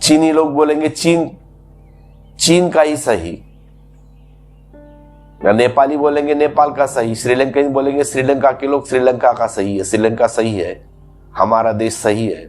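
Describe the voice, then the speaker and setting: A man's voice: mid-range voice, steady tone, a little slow, long pauses, darkish tone, faint music behind. A man giving a spiritual discourse as a teacher, explaining patiently through repeated everyday examples.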